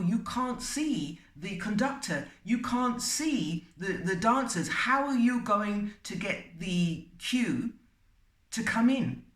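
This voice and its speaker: Woman giving a slow motivational self-help talk, lots of little pauses, sounds kinda far off in an echoey room. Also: medium pitch. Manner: unhurried, pausing between short phrases. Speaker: self-help video host. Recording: roomy and distant from the mic.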